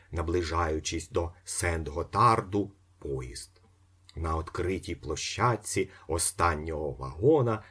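A man narrating an audiobook with expressive, measured storytelling. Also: sits low, husky.

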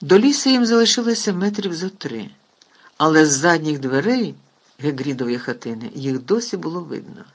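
A man narrating an audiobook in a lively, expressive reading. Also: on the high side, moderate pace, breathy edge. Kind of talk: storybook reading.

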